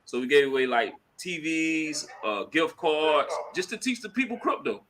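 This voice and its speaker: A man hosting a casual live stream, talking in a slangy, chatty way and giving shout-outs. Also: on the high side, big pitch swings, normal speed, slight background noise. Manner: slangy and chatty, full of "you know what I'm saying" and shout-outs. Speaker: host of a crypto live stream. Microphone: computer mic at a laptop.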